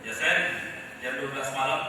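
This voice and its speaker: A man's voice: mid-range voice, little pitch movement, normal speed, background noise. Man, Indonesian accent, sermon storytelling, far from mic, echoey church hall. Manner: addresses congregation as saudara, storytelling, rising to loud emphatic preaching. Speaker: pastor.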